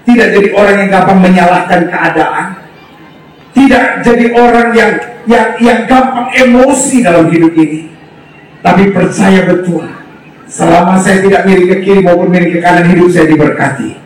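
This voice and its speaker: A male pastor preaching a revival sermon to a crowd on an open-air stage, leading call-and-response and often shouting. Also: high voice, normal speed, far from the mic, a little hiss or hum. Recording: very echoey open-air PA, from afar.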